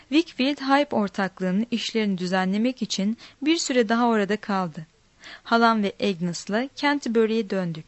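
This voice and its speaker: A woman narrating a storybook aloud in a measured, plain reading. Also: fairly high pitch, dry recording.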